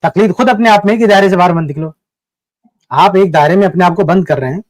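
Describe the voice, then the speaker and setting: A man's voice: high voice, no room sound. A man hosting a live debate call-in, pressing a caller with repeated, pointed questions.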